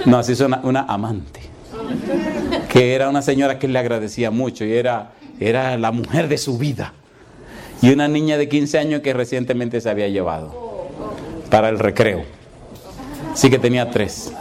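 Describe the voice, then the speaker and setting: A man's voice: mid-range voice, a little mellow. A middle-aged male pastor who tells a story in his sermon, laughing often and putting questions to his congregation.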